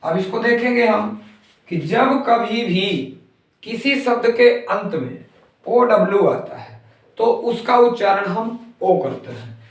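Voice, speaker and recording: A high-voiced man teaches a phonics lesson at a slow, patient pace, saying each example word more than once. He sits well back from the mic in a heavily echoing room. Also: lively intonation. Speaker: English teacher. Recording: very echoey room, mic far off.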